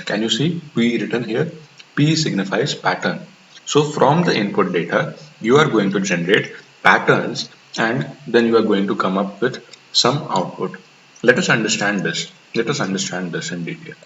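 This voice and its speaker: A man with a fairly low voice lectures in a classroom style, asking himself rhetorical questions and repeating key points. The recording is dull and lo-fi with a faint hiss, and the room echoes. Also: animated, moderate pace, fairly bright tone. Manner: explains step by step with rhetorical questions and repetition. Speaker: instructor.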